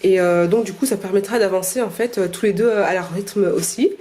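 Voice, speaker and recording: A woman homeschooling her young children, talking to camera in a halting way and explaining lessons patiently. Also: medium pitch. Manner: patient, gentle teaching, slow explanations; hesitant, halting speech to camera. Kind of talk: casual home-schooling vlog and lesson.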